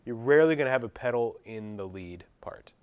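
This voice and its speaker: A man's voice: mid-range voice, lively intonation, a little fast, clean tone, highs cut off. A man teaching a music class, asking the students questions and singing short parts to illustrate them. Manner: quizzes students, scats examples. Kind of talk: classroom lecture.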